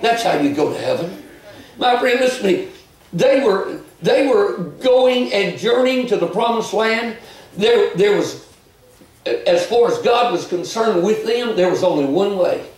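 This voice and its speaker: A man preaching an animated sermon as a visiting preacher, shouting and chuckling as he goes. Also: sits high, a little slow. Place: church. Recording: echoey church recorded from far off.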